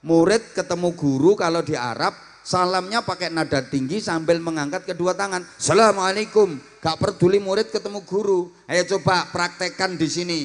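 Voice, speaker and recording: A man giving a humorous sermon, acting out different greetings and teasing his listeners. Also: sits high. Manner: lively, acts out greetings in many voices, teasing the audience. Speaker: preacher. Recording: long hall reverb.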